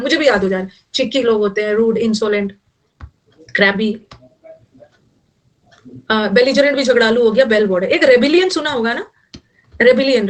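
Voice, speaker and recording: A woman's voice: fairly high pitch, far from the mic. Middle-aged woman teaching vocabulary, joking. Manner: mixes Hindi and English, jokey memory tricks. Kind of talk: online vocabulary class.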